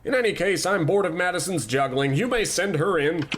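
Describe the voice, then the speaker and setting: This actor's voice is high-pitched, expressive and brisk, with a New England accent, and there's a little hiss or hum in the recording. Performing in a radio-style comedy, he plays a haughty, merciless tycoon who belittles his staff and slips in dark muttered asides.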